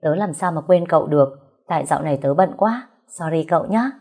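A woman voicing a gentle, earnest young woman speaking softly. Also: low voice, a little fast, slightly rough. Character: devoted young daughter and teacher, gentle.

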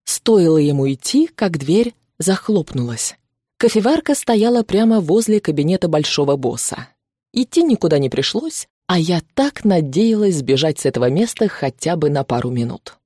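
A woman narrating a novel in the first person, expressive and lively. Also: low-pitched, moderate pace, breathy edge, dry recording, clean studio sound.

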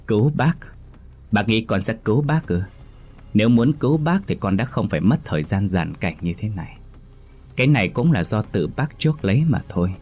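A man's voice: on the low side, darkish tone, breathy edge. A man voicing a cruel, scheming young woman in a ghost story.

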